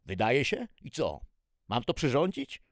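A man's voice: mid-range voice, huge pitch swings, measured pace, no echo, clean studio sound, pitched above the performer's own voice. A man voicing a bossy male head chef in a story, barking orders and taunting his staff. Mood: doubtful.

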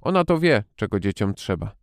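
A man's voice: lowish voice, big pitch swings, a little fast, dry recording, studio quality. A man voicing a shy young girl who stammers and pleads hesitantly, read as an audiobook character. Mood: timid pleading.

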